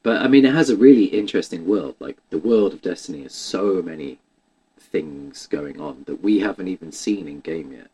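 A man's voice: sits low, lively intonation, moderate pace, warm tone, breathy edge, rough recording. A man chatting casually about video games, rambling and restarting his sentences with lots of "like". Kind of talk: casual chat.

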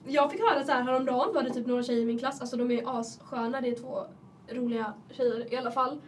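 A young woman with a cold, chatting casually and laughing through her anecdotes. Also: fairly high pitch. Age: young adult. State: has a cold. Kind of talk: casual chat. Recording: distant mic with faint background noise.

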